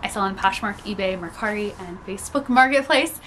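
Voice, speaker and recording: A young adult woman, a reseller vlogger, shows off a thrift haul in a small indoor room at home with storage bins. Slightly congested from a cold, she chats upbeat and casually, saying "like" often and laughing. Her medium-pitched, fairly bright voice is a little fast, in a low-quality recording with slight background noise.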